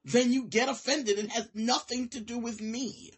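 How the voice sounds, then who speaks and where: A woman student confronting officials in a disciplinary meeting, defiant and combative, swinging between shouting and low, menacing threats in informal speech. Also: steady tone, moderate pace, slightly rough. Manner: informal, nonstandard grammar.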